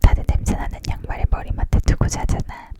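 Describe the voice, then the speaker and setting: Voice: quick pace, close to an everyday voice. A reader voicing a teasing, blunt female dream maker in a whispered role-play of a storybook, needling and scolding. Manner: needling, contradicting.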